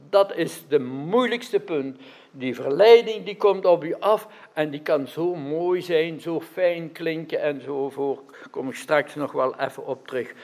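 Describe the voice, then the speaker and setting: A man preaching a sermon, often asking his listeners questions and checking that they follow. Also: fairly high pitch. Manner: questions the audience, adds frequent "right?" checks. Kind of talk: interactive sermon.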